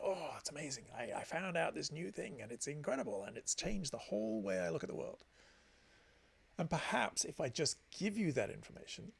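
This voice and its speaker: Gravelly-voiced man teaching a meditation class. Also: mid-range voice. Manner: chatty storytelling with self-deprecating asides; gives friendly explanations with frequent restarts. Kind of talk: informal class talk.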